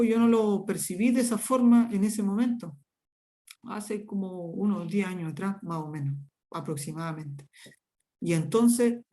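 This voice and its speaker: A man's voice: high voice, a little mellow. Earnest male preacher, fervent repetition. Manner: earnest, emphatic, repeats words in runs. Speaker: preacher teaching a Bible lesson. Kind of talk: Bible lesson with personal testimony.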